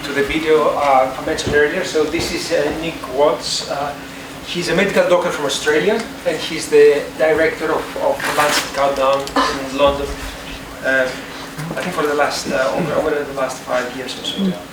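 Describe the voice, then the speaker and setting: A man with a flat, slightly high voice introduces a video at an event. He hesitates often with uhs. He sounds far from the mic, and loud room noise echoes around him. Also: a loud crowd. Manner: halting, with many uhs. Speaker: event host. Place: event hall.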